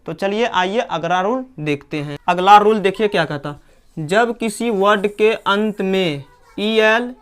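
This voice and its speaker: A woman's voice: mid-range voice, expressive, a little slow, smooth. A woman with a Hindi accent teaching English pronunciation, asking questions and answering them herself over and over. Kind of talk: classroom lesson.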